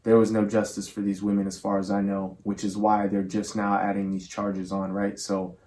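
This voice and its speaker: Low-voiced man hosting a spirit session. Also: a little mellow. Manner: addresses listeners and spirit with affectionate, reverent words. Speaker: host of a spirit box session channel. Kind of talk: earnest spoken commentary to viewers and a spirit.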